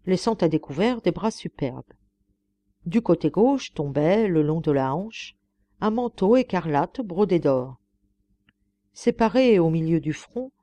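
A woman reading a novel aloud as an audiobook narrator, in a steady, measured storytelling manner. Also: on the low side. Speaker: audiobook reader.

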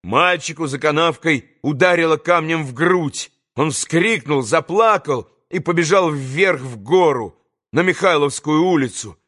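A man narrating a classic novel as an audiobook reader, measured and expressive. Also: on the high side.

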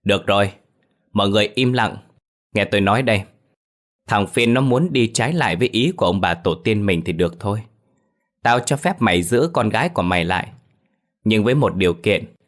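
A man's voice: lowish voice, expressive, a little fast, close to an everyday voice. A man voicing an arrogant, mocking elderly clan head who domineers over his relatives in an audio ghost story. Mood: scornful.

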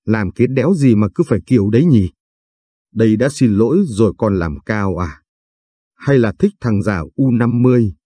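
A man's voice: lowish voice, lively intonation, normal speed, warm tone, breathy edge, dry recording. A man doing a coarse, bullying young husband. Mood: contemptuous. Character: brash, menacing young husband from the countryside.

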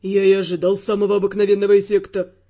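A woman's voice: medium pitch, little pitch movement, fast, mellow, muffled recording, pitched below the performer's own voice, natural voice. A woman voicing a stern senior male spy who scolds harshly, in an audiobook reading. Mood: stern, angry.

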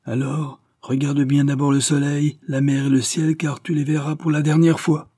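A man's voice: sits low, steady tone, a little fast, warm tone, no room sound, studio quality. A man voicing a defiant grown leper outlaw in an audiobook, speaking in a threatening way.

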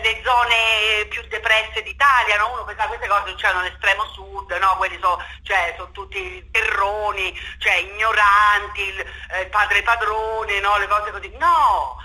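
In a spontaneous radio interview, a woman who directs theatre talks with passion and emphasis, repeating herself and looking for agreement. Her mid-range voice sounds pushed and bright on a rough recording.

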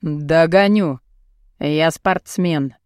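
A woman's voice: sits low, very slow, a little mellow, clean tone, no room sound, studio quality, voice pushed down. A woman voicing a crude, cocky young muscleman who taunts and speaks bluntly in an audiobook. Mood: mocking. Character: crude cocky muscular young man, mocking and pushy. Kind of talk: audiobook character voice.

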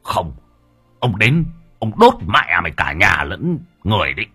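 Guy doing a mean old village boss, barking curses, husky voice, jumps around in pitch. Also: very animated, unhurried, sharp tone, faint music behind, heavily acted. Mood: furious. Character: furious old male village elder, cruel and domineering.

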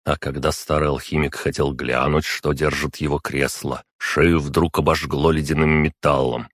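A man reading a fantasy novel aloud as audiobook narrator, steady and measured, close on the mic. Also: extremely low pitch, dry recording. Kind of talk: scripted narration.

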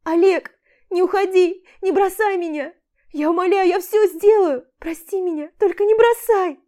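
A woman voicing a hysterical young woman who screams, sobs and pleads in a shrill voice. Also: moderate pace, warm tone. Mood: screaming hysterically. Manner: shrill, pleading, shrieking to a squeal. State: crying.

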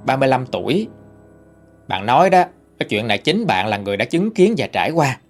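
A man narrating listener stories in a conversational storytelling manner. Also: medium pitch. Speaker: ghost story channel narrator. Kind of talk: reading listener-sent stories.

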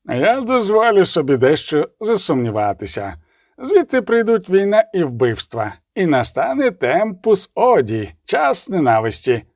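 A man's voice: high voice, very animated, normal speed, hardly any pauses, no echo, voice pushed up. Man doing a caustic doubting priest. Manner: caustic, dry remarks.

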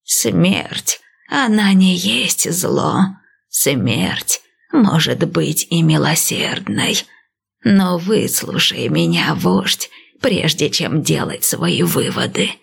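A woman voicing an old blind priestess and seer, speaking slowly and calmly. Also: low-pitched, gravelly, husky, exaggerated voice. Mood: calm, wise. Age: older. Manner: slow, calm, measured.

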